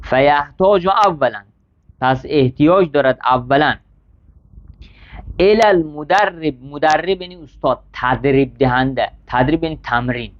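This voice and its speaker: Lively man teaching a lesson. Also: on the high side. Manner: explains Arabic text line by line, asks students questions. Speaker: seminary teacher. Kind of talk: classroom lesson. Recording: dull lo-fi sound.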